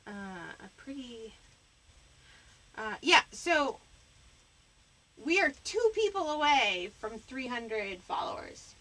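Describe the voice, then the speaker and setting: A woman's voice: a little high, very animated, takes it slowly, pauses often, sharp tone, rough recording. A woman hosting a live stream, teasing her guest and rambling with fillers in casual banter. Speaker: stream host.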